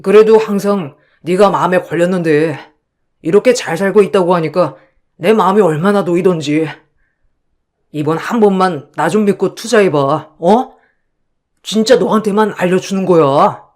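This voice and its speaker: Brief: man doing high-pitched swindler friend, pushy and shameless, audio-drama read. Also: moderate pace, natural voice. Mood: wheedling. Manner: wheedling, then abusive and threatening. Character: brazen smooth-talking male con man, old school friend. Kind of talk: storybook audio drama acting.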